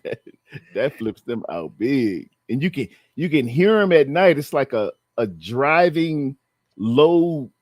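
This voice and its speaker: A man's voice: mid-range voice, big pitch swings, slow, no echo, studio quality. A man telling laid-back stories in casual chat, using slang. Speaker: podcast panelist.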